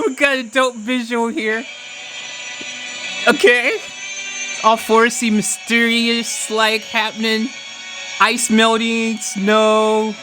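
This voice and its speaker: An American podcast host giving chatty, excitable live reaction commentary and talking straight to listeners. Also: mid-range voice.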